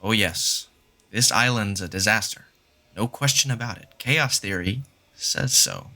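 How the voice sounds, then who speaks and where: A man playing a smug, doom-saying chaos mathematician in an audio drama, lecturing with halting emphasis. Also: fairly low pitch, pushed and bright, exaggerated voice. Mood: gloomy certainty.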